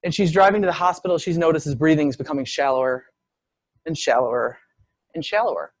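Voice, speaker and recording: Male lecturer, slightly high voice, dry close sound, narrates cases vividly. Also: fast talker, no echo. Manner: storytelling, acts out quoted speech. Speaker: visiting professor lecturing. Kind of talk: medical case lecture.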